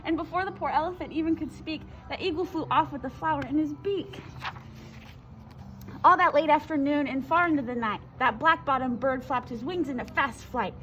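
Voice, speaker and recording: A young woman with a high voice reads a rhyming storybook with dramatic energy. The audio is dull and lo-fi, with a faint hiss behind her. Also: normal speed, a bit bright. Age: young adult. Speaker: reader. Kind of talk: storybook read-aloud.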